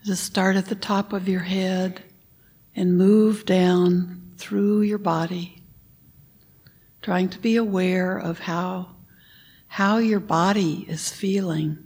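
A woman leading a guided meditation, giving gentle instructions and sometimes dropping to a whisper on the breath cues. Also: lowish voice, steady tone, slow pace, breathy edge.

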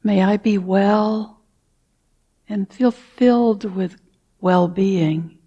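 A woman guiding a meditation in a soft, unhurried voice, leaving long pauses and sometimes easing into a whisper. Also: mid-range voice, breathy edge, muffled recording. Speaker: meditation teacher. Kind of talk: guided meditation.

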